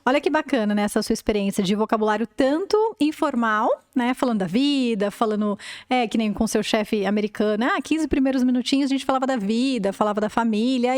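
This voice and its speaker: A woman with a Brazilian Portuguese accent, an English teacher hosting an interview podcast, talking in a lively, encouraging way and dropping in English words. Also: a little high. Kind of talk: conversational interview.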